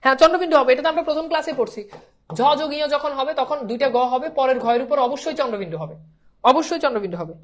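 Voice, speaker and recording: A woman's voice: sits high, lively intonation, racing. A woman teacher gives a pronunciation lesson. She drills each word by repeating it and keeps quizzing her students.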